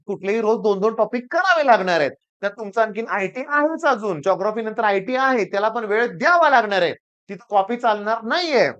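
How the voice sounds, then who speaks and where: A man's voice: high voice, a bit bright. A middle-aged man who teaches at a coaching class, giving students a stern, scolding talk and repeating phrases for emphasis. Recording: dull lo-fi recording.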